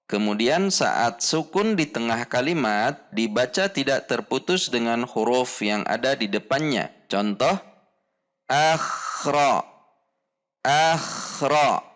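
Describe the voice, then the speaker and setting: Slow, deliberate Indonesian male teacher. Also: mid-range voice, lively intonation, fairly bright tone. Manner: slow, deliberate, demonstrates sounds repeatedly. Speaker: Quran reading teacher. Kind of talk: slow instructional lesson with pronunciation drills.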